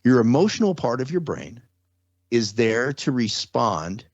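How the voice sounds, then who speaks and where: A man appears as a podcast guest, walking through ideas step by step in a casual, conversational interview using everyday examples. His mid-range voice swings widely in pitch at a slightly slow pace, and the recording is muffled and dry, with no room sound.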